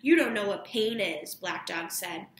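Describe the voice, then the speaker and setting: A woman's voice: medium pitch, lively intonation, unhurried, echoey room, close to an everyday voice. A woman reading aloud the lines of a bitter, violent grown man, with a scornful, harsh delivery.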